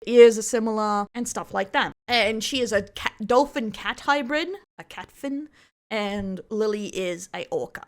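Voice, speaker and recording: A woman's voice: mid-range voice, a little slow. A woman with an Australian accent narrating a commentary video in a rambling, self-correcting way.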